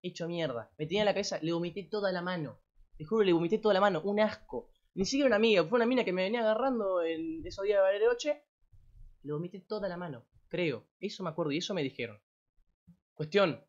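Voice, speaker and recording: A man's voice: high-pitched, expressive, quick pace. A young man in his late teens with an Argentine Rioplatense accent, telling a story casually to a live audience as a streamer, rambling and slangy with plenty of swearing. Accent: Argentine Rioplatense Spanish. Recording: dull lo-fi recording.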